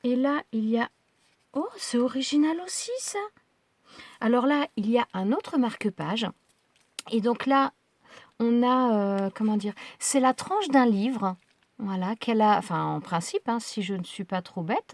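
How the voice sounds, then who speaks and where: A woman's voice: fairly high pitch, darkish tone, no echo. A woman with a French accent chatting casually while unboxing crafts, hesitant with many fillers and restarts. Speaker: crafting vlogger.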